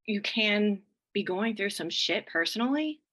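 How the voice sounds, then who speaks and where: A woman's voice: mid-range voice, animated, unhurried, fairly bright tone, rough recording. A woman in a group podcast chat as a mastermind member, talking candidly and rambling, swearing casually.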